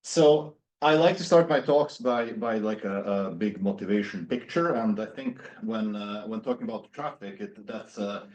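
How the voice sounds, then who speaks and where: A man's voice: on the low side, moderate pace, hardly any pauses, darkish tone, lo-fi sound. A man in his thirties from Serbia, giving an academic lecture with many fillers and restarts. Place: university seminar room.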